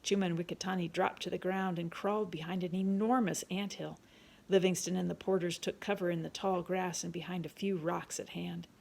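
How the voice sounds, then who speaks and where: A grandmotherly woman over sixty reading a chapter book aloud in a calm, steady storytelling manner. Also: on the low side, fairly quick, creaky.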